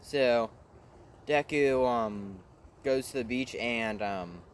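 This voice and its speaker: A man's voice: mid-range voice, slow pace, a little hiss or hum. A man casually narrating a made-up fan story, rambling, with fillers and the odd swear word.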